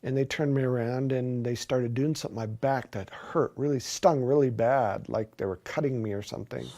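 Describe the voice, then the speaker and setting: A man's voice: mid-range voice, a little fast, dark tone. A man earnestly recounting a personal experience as an interviewee, with emphatic storytelling.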